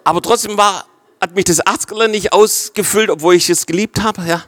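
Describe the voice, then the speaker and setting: A man in his forties with a Swabian accent, preaching a sermon in a lively way and often checking in with the congregation. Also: high-pitched, brisk, dry recording. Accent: Swabian German. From Swabia, Germany.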